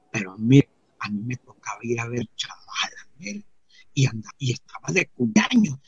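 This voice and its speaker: A man's voice: mid-range voice, husky, dry recording, lo-fi sound. A man playing a naive rustic churchgoing man, telling a rambling comic story full of repeated "mire" and acted-out voices. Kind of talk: comic character monologue.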